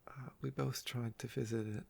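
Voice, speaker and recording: This soft-spoken man, an ASMR creator, has a middling pitch with a heavy creak and croakiness. His tone stays steady as he meanders through personal anecdotes in a relaxed, somewhat nostalgic way.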